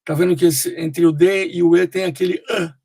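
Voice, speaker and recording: A man teaching English pronunciation online, explaining slowly with many fillers and pauses. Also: sits high, flat delivery, creaky, warm tone, husky, dry recording.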